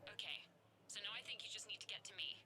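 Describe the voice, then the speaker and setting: A woman playing a focused, urgent infiltration operative in a video game, brisk and hushed in manner. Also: mid-range voice, over a noisy crowd, lightly acted. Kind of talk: video game character dialogue. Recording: loud music under the voice.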